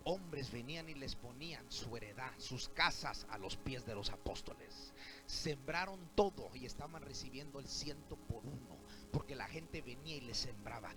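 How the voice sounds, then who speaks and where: A man preaching a sermon to his church congregation, often rising to shouts. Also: mid-range voice, rough recording. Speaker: pastor. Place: church sanctuary.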